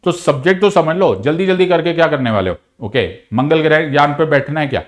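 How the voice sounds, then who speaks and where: A man's voice: on the high side, fairly quick. A man with an Indian accent teaching an online exam-prep lecture. He mixes Hindi and English, asks questions and answers them himself, and talks to students in a frank, scolding and then encouraging way.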